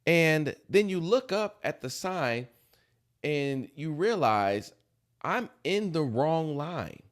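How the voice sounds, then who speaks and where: Animated, slow-paced male motivational speaker. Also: fairly high pitch. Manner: emphatic, repeats key phrases for effect. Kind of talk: motivational talk to camera.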